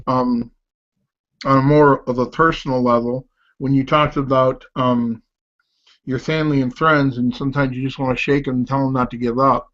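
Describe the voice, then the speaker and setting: A middle-aged man giving a casual, candid promotional talk to camera, with halting, slightly slurred speech as if half his mouth is numb from the dentist. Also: medium pitch, steady tone, a bit bright. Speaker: home-based business promoter. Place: small home office. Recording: dull, lo-fi sound.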